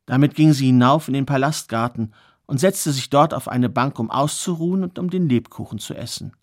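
A man telling a fairy tale aloud, in a measured, expressive way with pauses for effect. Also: medium pitch. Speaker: storyteller. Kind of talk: oral fairy tale storytelling.

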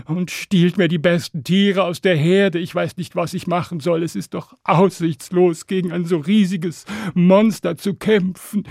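A man's voice: sits high, fairly even intonation, unhurried, creaky, hardly any pauses, darkish tone, no echo, studio quality, voice pushed up, full character voice. A man doing a wailing, helpless old shepherd. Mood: lamenting. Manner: lamenting, whiny.

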